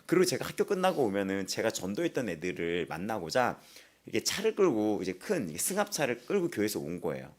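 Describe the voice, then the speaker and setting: A man's voice: lowish voice, fast. A man preaching an early-morning sermon as a pastor, telling personal stories with laughter and acting out the voices of others. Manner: animated storytelling with frequent laughter; acts out quoted voices.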